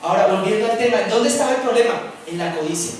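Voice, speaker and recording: A man's voice: high voice, expressive, fast, a little hiss or hum. A man preaching a sermon, speaking conversationally and putting questions to the congregation. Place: church. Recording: echoey church from far off.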